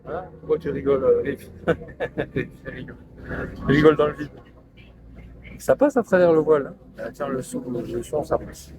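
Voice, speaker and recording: A man's voice: mid-range voice, moderate pace, long pauses, noisy background. A man chatting loosely to his live stream viewers on a headset, rambling and laughing often.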